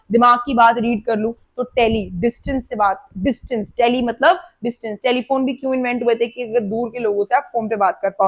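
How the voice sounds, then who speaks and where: A woman teaching a vocabulary lesson, addressing her students directly and checking that they keep up. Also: fairly high pitch.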